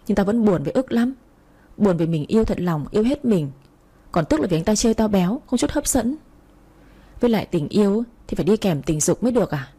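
A woman's voice: mid-range voice, expressive, fast talker, dark tone, breathy edge. A woman voicing a heartbroken young woman who complains in a whiny, sulky way, in a read-aloud story. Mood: tearful.

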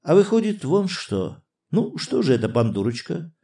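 A man's voice: a little high, sing-song, normal speed, warm tone, voice pushed up. A man reading an audiobook, voicing a boisterous, laughing older prince who exclaims and teases. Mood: jovial. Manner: exclaiming, guffawing, teasing. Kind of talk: audiobook character voice.

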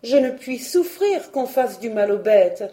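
A woman's voice: a little high, very animated, a little slow, mellow. A woman reading a storybook, voicing a kind-hearted young country girl who speaks earnestly. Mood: indignant.

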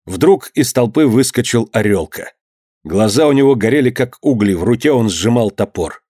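A man's voice: mid-range voice, moderate pace, breathy edge, dry recording, clean studio sound. A man reading a historical novel aloud as a dramatic audiobook narrator. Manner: expressive storytelling.

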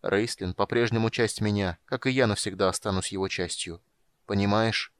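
A man reading an audiobook, voicing a huge, gruff but loving warrior in a blunt, low manner. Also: steady tone, moderate pace, no echo, natural voice. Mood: heartfelt. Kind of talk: audiobook character voice.

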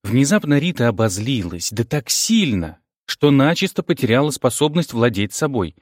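A man reading a novel aloud as an audiobook narrator, with a lively, expressive delivery. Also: medium pitch, normal speed, dry recording, clean studio sound. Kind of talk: scripted narration.

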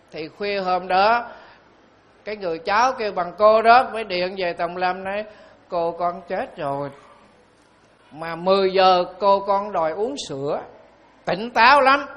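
Monk telling stories. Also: male voice, high-pitched. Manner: storytelling, slow and emphatic on key phrases. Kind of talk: sermon.

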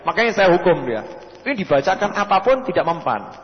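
A man's voice: high voice, very animated, a little fast. A man with a Javanese accent giving a folksy sermon, telling stories and acting out the dialogue. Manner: folksy, mixes in Javascript-free Javanese words, acts out dialogue. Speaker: Islamic preacher. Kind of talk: sermon with storytelling. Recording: muffled hall recording.

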